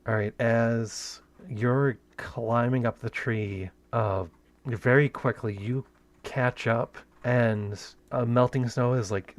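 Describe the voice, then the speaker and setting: A man narrating a tabletop game as game master, hesitant, restarting phrases and counting dice aloud. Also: medium pitch.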